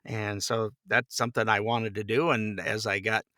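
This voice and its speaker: A man in his sixties, voice on the low side, chats casually as a podcast guest at a moderate pace, close on a studio mic with no echo. He's an animated storyteller, trading anecdotes, acting out quoted remarks and chuckling as he talks.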